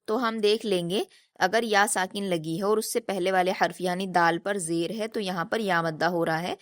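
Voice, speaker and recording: A woman's voice: on the low side, fairly even intonation, dry recording. Patient woman teaching recitation, dry sound. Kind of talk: online recitation lesson.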